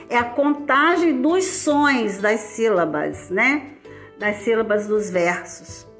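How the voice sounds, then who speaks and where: A Brazilian woman teacher with a Brazilian Portuguese accent, explaining a lesson step by step in a chatty way, often checking in with her students. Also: a little high. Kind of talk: casual recorded lesson for students.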